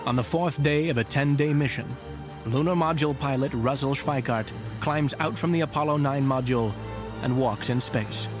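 A man's voice: mid-range voice, normal speed, over music. A man reading scripted historical narration as a documentary narrator in a voice-over. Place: voice-over recording with music behind.

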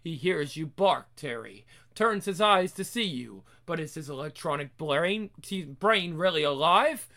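A man playing a worried, excitable scientist who built a robot, speaking with urgent, dramatic wonder. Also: on the high side, measured pace, gravelly, few pauses, exaggerated voice. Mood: anxious wonder.

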